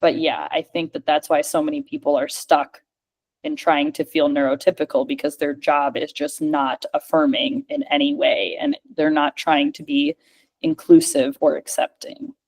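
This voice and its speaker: Over a video call, a woman who works as a speech-language pathologist and communication coach chattily answers questions, using "like" as a frequent filler. Her deep voice is a little mellow, with lively intonation at a moderate pace.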